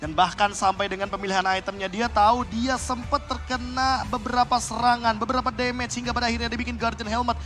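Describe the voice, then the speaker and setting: A man doing energetic, chatty esports caster analysis, mixing English gaming terms into his talk. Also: very high voice, fast, few pauses, music in the background.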